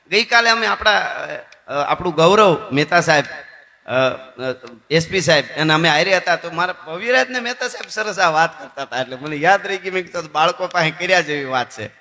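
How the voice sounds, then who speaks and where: A man telling devotional folk stories and preaching to children and elders in an animated way. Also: sits high, in a large hall. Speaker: folk storyteller. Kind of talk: devotional folk storytelling to an audience.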